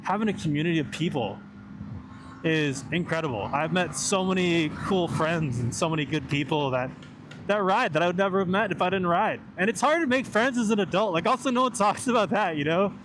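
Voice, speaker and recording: A man's voice: high voice, brisk. A young man chatting casually and informally inside a helmet while riding a motorcycle, meandering from thought to thought and swearing mildly. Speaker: motorcycle vlogger. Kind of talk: casual rambling motovlog chat. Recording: steady engine and road noise.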